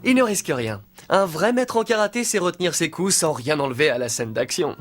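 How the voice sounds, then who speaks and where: Smug teen idol, animated. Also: male voice, on the high side, a little fast. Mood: smooth, confident. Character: self-assured teenage boy TV star, smooth charmer. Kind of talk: French anime-style dubbing.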